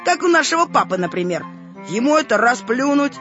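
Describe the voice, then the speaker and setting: A cheeky little boy from a storybook who spins wild guesses and won't admit he's wrong, as a woman reads him. His lines bounce with a lively, swinging pitch. The sound is slightly muffled, with soft music in the background. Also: fairly quick. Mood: playful. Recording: dull recording with faint music.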